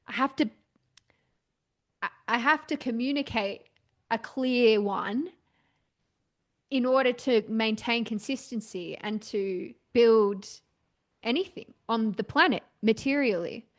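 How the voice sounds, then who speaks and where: A woman's voice: fairly high pitch, a little slow, pauses often. Hesitant young woman, searching for words. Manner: hesitant, searching for words, many fillers and restarts. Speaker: podcast host and client. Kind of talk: candid therapy session talk.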